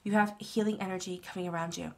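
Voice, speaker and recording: A woman doing a tarot reading to camera for her channel speaks fast in a lowish, steady voice with vocal fry and a darkish tone, plus a little hiss or hum. She's stuffed up from a cold, soothing and reassuring, and often repeats herself.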